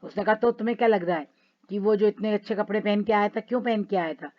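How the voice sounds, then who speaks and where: A woman teacher going through a play line by line, reading the English passages slowly and with feeling, then explaining them in conversational Hindi. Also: mid-range voice, highs cut off.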